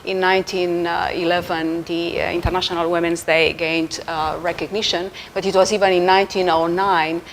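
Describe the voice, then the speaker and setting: A woman from Romania, a UN official speaking as a guest in a radio interview, measured and formal with frequent ums. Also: fairly low pitch, little pitch movement, a little hiss or hum, poor audio.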